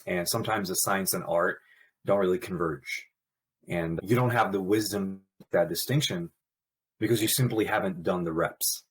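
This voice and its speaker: A nurse anesthetist in his thirties, Pakistani-born and raised in Brooklyn, New York, shares stories candidly as a podcast interview guest, animated and quick to laugh. His deep voice has a breathy edge, and the recording is rough.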